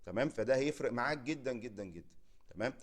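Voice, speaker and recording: A man's voice: mid-range voice, expressive, rapid-fire. A man with an Egyptian Arabic accent giving a casual spoken English lesson, chatty and direct with viewers, checking in again and again. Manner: chatty, repeats "تمام؟" often, direct address to viewers. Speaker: English teacher, channel host.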